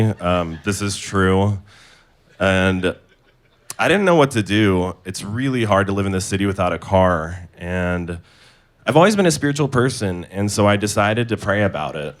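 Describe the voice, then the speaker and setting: Deadpan man doing stand-up. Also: on the low side. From Indonesia. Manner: deadpan delivery of absurd punchlines to a laughing crowd. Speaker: stand-up comedian. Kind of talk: stand-up comedy set. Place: comedy club stage. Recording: live club set with clear audience noise.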